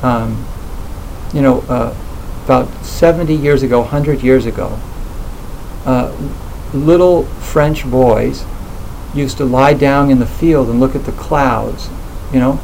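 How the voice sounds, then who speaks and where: A man speaking thoughtfully in a relaxed conversational talk, hesitating often with fillers and restarts. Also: medium pitch, slow pace, gravelly, a little hiss or hum, poor audio.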